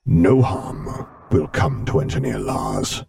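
A man voicing an imposing masked male dark lord who speaks in a slow, deliberate, rumbling way. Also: wildly swooping pitch, vocal fry, a little hiss or hum, heavily acted. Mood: measured.

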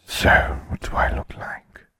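A man voicing Death, a polite skeleton in a robe, in a soft, breathy whisper with an unhurried, dry manner. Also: no echo. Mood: calm, wry. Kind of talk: audiobook character voice.

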